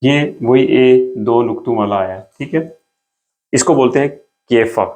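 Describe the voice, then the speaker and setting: In a mellow, medium-pitched voice, the teacher walks beginners through a language lesson one patient step at a time. While writing, he slowly repeats each sound.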